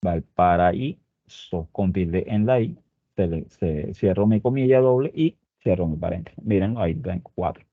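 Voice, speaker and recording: A man's voice: low voice, moderate pace, vocal fry, dry recording. A man teaching a spreadsheet lesson, explaining step by step and checking in with his students often. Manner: explains step by step, with frequent "¿ok?" and "muchachos" check-ins. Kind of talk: spreadsheet tutorial. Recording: tinny phone-like, dry sound.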